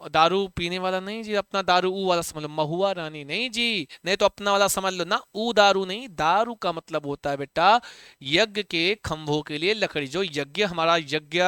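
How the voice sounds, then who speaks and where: A man's voice: sits high, pushed and bright, clear, resonant tone, no echo, studio quality. A young adult man teaching a Sanskrit exam revision class, drilling terms through repetition and rhetorical questions.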